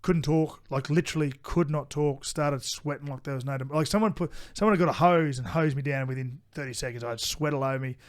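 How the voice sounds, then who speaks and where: A man's voice: mid-range voice, fast talker, hardly any pauses. Blunt, sweary Australian man. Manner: blunt, swears freely, repeats himself. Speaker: podcast co-host. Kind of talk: casual chat.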